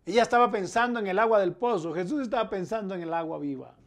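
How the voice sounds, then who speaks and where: Man, Colombian accent, pastor, earnest sermon, slightly high voice, gravelly rasp. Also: lively intonation, fast talker. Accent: Colombian Spanish. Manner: earnest preaching, rising and falling loudness.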